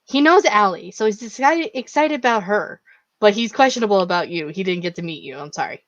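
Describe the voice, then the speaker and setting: A woman's voice: medium pitch, animated, brisk, dry recording, close to an everyday voice. Woman playing a no-nonsense shopkeeper woman; dry, muffled recording. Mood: brisk. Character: brisk welcoming woman, vampire shop keeper. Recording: dull lo-fi, dry.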